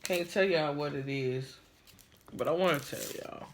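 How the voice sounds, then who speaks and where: A man's voice: a little high, unhurried, noisy background. A man chatting casually to viewers in a slangy, laid-back way while eating, chewing as he talks. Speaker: mukbang vlogger.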